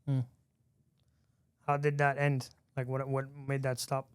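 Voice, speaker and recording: Smooth-voiced man hosting a podcast. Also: mid-range voice, completely flat delivery, unhurried, dry recording, studio quality. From lives in Miami. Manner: easygoing, chatty, frequent restarts and laughs. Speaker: podcast host. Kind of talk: casual interview chat.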